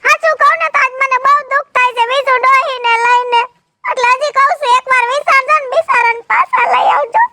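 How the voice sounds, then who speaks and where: A woman's voice: very high voice, quick pace, background noise. A woman playing a sympathetic village woman who pleads with an old neighbor in a chatty way. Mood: pleading. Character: soft-hearted young village woman.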